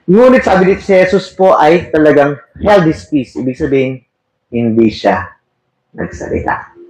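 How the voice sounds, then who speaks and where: A man's voice: a little high, expressive, moderate pace, darkish tone. A man preaching a sermon, reading verses and asking his listeners questions, mixing English terms into his talk. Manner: asks the audience questions, switches between Tagalog and English terms. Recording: echoey room.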